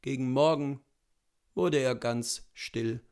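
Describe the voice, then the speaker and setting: A man slowly reading a literary story aloud as an audiobook narrator, measured and even. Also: mid-range voice. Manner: slow, measured reading that lifts into voices for quoted speech.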